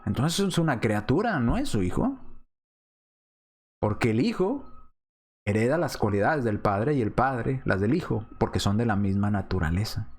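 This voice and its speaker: A man's voice: mid-range voice, a little mellow. Man teaching a Bible lesson. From Mexico. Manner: reasoning aloud with rhetorical questions, frequent "¿verdad?" and hesitations. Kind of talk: Bible study lesson with slides.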